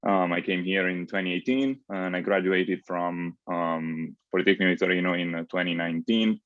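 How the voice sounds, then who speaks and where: A man's voice: low voice, moderate pace, no room sound. A man whose first language is Italian, speaking as an alumnus in a webinar, hesitant with many fillers. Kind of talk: webinar talk. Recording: dull, dry video-call audio.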